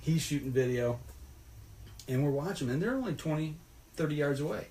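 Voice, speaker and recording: A man's voice: on the high side, a little fast. Folksy man telling a fishing story. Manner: rambling, folksy, animated retelling. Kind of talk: casual storytelling.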